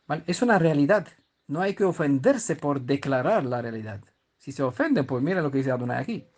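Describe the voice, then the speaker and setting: Man, scripture teacher, somewhat high voice, conversational, halting restarts. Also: big pitch swings, a little mellow. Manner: conversational, often checks in with listeners. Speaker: Bible teacher.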